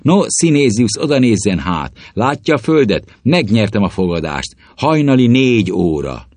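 A man voicing an excited male sea captain in a story reading, breathless and exclaiming. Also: sits low, slightly rough, dry recording, full character voice. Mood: exultant. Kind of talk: audiobook reading.

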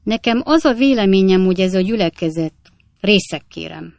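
A woman voicing a drunken, angry male preacher who slurs his words and talks loud and combative. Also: medium pitch, clean tone, dry recording, studio quality, lightly acted. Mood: drunkenly belligerent. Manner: slurred, loud and belligerent.

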